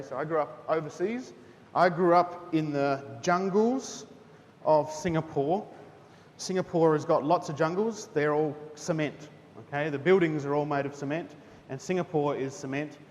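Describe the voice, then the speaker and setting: Speaking in a school hall, a man in his thirties from New Zealand addresses a chapel as a teacher, keeping it conversational and often asking "okay?". Hall reverb and a faint rumble color the recording.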